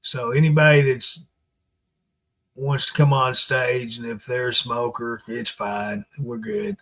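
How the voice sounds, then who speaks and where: Slow-drawling Southern man, folksy live host. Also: mid-range voice, expressive, a bit bright. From Arkansas, United States. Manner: folksy, teasing. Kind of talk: casual live chat, greeting viewers.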